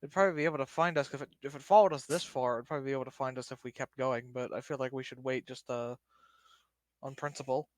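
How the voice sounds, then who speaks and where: A man's voice: mid-range voice, fairly even intonation, fast, no room sound. A man playing a tabletop game, talking hesitantly with many fillers. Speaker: player. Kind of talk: tabletop role-play chat.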